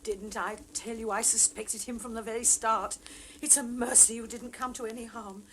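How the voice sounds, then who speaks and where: Actress as a high-pitched, fretful storybook mother. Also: steady tone, normal speed, fairly bright tone, a little hiss or hum, close to an everyday voice, poor audio. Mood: fussing, astonished. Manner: dramatic, exclaiming. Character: fretful, scolding, doting mother of a lazy young man. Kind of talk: audio storybook drama.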